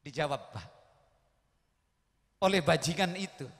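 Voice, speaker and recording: A man preaching, telling a story to a religious gathering in an animated way, often addressing the audience directly. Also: a little high, unhurried, big-room sound. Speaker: preacher, Islamic boarding school leader. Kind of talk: storytelling sermon.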